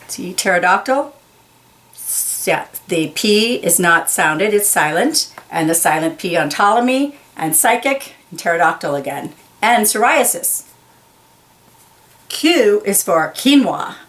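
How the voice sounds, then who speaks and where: A woman's voice: mid-range voice, animated, a bit bright. A woman reading a children's picture book aloud, carefully stressing key words and explaining them simply. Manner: slow, deliberate, enunciates key words for young listeners.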